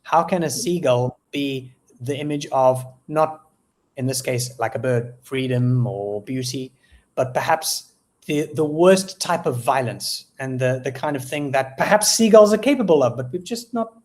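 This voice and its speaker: A South African man speaking as a guest in an interview, thinking aloud about his craft. He talks reflectively and pauses often to search for the right word, with plenty of fillers along the way. His voice sits at an ordinary middle pitch for a man. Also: expressive, darkish tone. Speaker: guest poet. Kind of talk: casual interview conversation.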